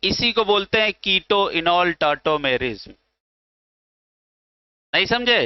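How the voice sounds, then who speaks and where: Indian chem teacher guy, high voice, slow and deliberate, keeps quizzing the class and answering himself, dry slightly dull sound. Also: lively intonation, smooth, dry recording. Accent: Hindi from north India. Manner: asks students questions and answers them himself; calls students beta and bhaiya. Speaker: chemistry teacher. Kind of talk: classroom lecture.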